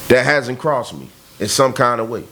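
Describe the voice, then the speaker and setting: A man's voice: medium pitch, expressive, moderate pace, fairly bright tone. A man in his thirties, talking bluntly and emphatically in a casual conversation. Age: 30s. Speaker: podcast host.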